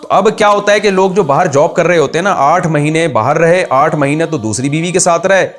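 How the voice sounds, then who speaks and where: A man, an Islamic scholar, answering viewer questions in a conversational, explanatory way, with rhetorical questions and his pitch rising on emphasis. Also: fairly quick, faint music behind. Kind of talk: religious Q&A talk.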